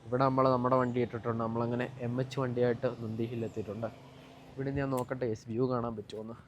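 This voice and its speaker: A man's voice: medium pitch, flat delivery, racing, muffled recording, slight background noise. A young Malayali man chatting casually to viewers in a driving vlog, mixing English words and slang into his speech. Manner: informal, repeatedly addressing viewers. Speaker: vlogger.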